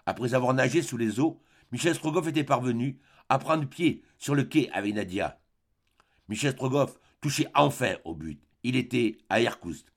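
An audiobook narrator reads a novel aloud in a measured, dramatic style. His mid-pitched voice carries a strong gravelly fry, and he keeps the pacing steady and deliberate.

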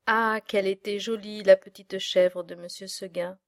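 A woman reading a storybook aloud in a measured, expressive way. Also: medium pitch, creaky, no room sound, studio quality.

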